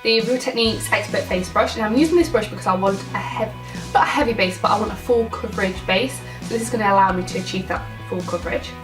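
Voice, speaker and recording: A woman's voice: medium pitch, fast, few pauses. Nasal, rambling woman. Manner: chatty and rambling, many ums. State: recovering from illness, swollen glands. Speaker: beauty YouTuber. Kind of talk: casual makeup tutorial chat. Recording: somewhat distant mic, faint music.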